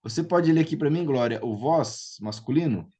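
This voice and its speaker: A man's voice: a little high, lively intonation, moderate pace, dark tone, husky. A man with a Brazilian Portuguese accent teaching a live biblical Hebrew class, patient and checking in with students as he goes. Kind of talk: live online class, explaining and drilling pronunciation.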